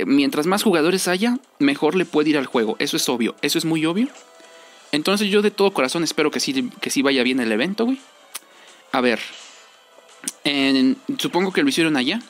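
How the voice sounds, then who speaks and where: A young man with a Mexican accent, a gaming video creator, rambles through casual game commentary in slangy, informal speech and repeats himself for emphasis. His voice sits on the high side with a fairly bright tone, and music plays beneath him.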